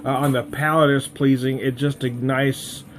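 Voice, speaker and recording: A man's voice: mid-range voice, little pitch movement, normal speed. A man giving a casual, rambling, jokey tasting review as a vlog host. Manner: jokey, rambling, chuckles at own asides.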